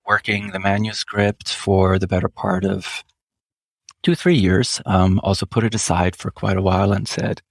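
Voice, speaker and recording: Answering an interview as an author guest, a deep, gravelly man from Switzerland, originally a German speaker, keeps little pitch movement. He's reflective and measured, slowing down often and using many fillers, in a dry recording.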